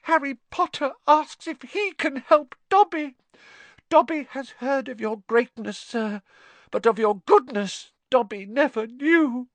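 Dobby, a very high squeaky house-elf. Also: animated, measured pace, no echo. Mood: reverent awe. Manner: reverent third-person speech, fretful. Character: squeaky, servile, anxious, tearful male house-elf.

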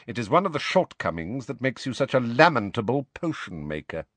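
A man voicing a cold, sneering middle-aged male professor who speaks slowly and with contempt. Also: mid-range voice, sing-song, fairly bright tone, no echo, pitched above the performer's own voice. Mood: contemptuous. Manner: slow, contemptuous, clipped.

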